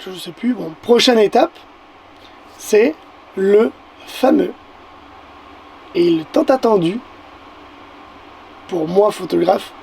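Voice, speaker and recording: An excitable Québécois man speaks in a high, raspy-edged voice with plenty of vocal fry. He talks casually to his viewers as a photographer, stumbling and repeating words as he goes. Faint background noise sits under his voice. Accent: Québécois French. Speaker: photographer and vlogger. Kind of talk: casual vlog narration to the viewer.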